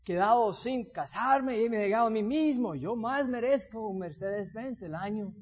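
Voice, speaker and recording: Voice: medium pitch, lively intonation, moderate pace, darkish tone, slightly rough. A preacher voicing a self-denying male priest in a joke, in a lo-fi recording with a long hall echo. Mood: indignant. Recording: dull lo-fi recording in an echoey hall.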